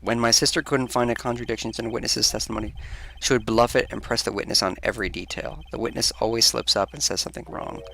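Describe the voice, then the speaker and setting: A man voicing a nervous young male defense lawyer in a video game, musing in a quiet, worried way. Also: medium pitch, steady tone, fast talker, gravelly, a little hiss or hum. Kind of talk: fan voice-over of a video game.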